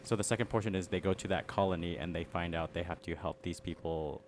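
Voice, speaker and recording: A man's voice: deep voice, steady tone, quick pace. A man co-hosting a casual podcast, telling a rambling story with many restarts while playing a game. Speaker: podcast co-host. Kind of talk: casual chat while gaming.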